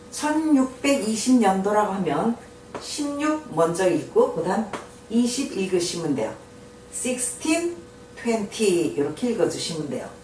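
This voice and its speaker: An older woman teaches English with patient care, drawing every phrase out slowly before she explains it. Her fairly high voice rises and falls in a lively way. She sounds far from the mic in an echoey room, with a faint hiss behind her. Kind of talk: slow spoken English lesson.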